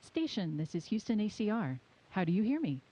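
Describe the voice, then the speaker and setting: A woman making crisp procedural calls to a space station over a space radio link. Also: mid-range voice, sing-song, brisk, mellow. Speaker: ground radio operator. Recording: muffled lo-fi radio line.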